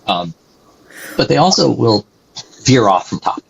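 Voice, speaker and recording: Here a company executive, interviewed as a guest, answers in a medium-pitched, sing-song voice that is gravelly, husky, and a little slow. He explains things with energy and keeps ending sentences with "right?", all on a dull, lo-fi recording.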